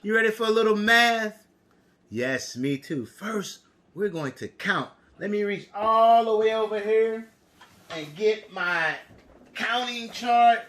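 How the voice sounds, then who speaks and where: A man's voice: high-pitched, lively intonation, slow pace, a bit bright. An American man teaching young children, talking as if reading to a toddler, with simple questions and repeated phrases. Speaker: preschool and kindergarten teacher. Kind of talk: children's TV lesson, storytelling and counting.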